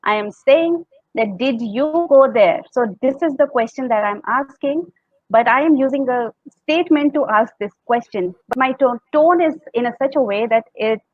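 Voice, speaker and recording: Indian woman speaking coach, higher voice, patient step-by-step explainer, dull dry recording. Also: dry recording. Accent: Indian English. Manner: explains step by step, demonstrates tones and laughs often. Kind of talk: teaching talk on public speaking.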